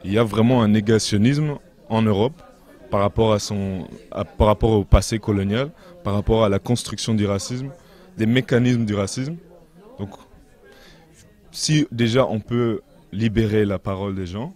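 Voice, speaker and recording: A young man giving earnest interview answers, measured and pausing to find his words, into a handheld mic in a large indoor hall. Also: on the low side, a little mellow. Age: young adult. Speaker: interview guest, activist.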